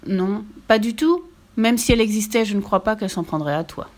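A woman's voice: mid-range voice, brisk, natural voice. Woman voicing a patient kindly doctor. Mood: reassuring. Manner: patient, reassuring. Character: calm kindly male doctor.

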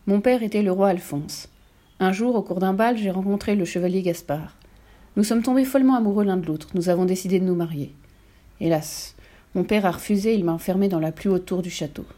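A woman voicing a gentle, weary ghost princess who speaks softly and sorrowfully, in a storybook reading. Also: mid-range voice, a little fast, close to an everyday voice. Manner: soft, sorrowful telling.

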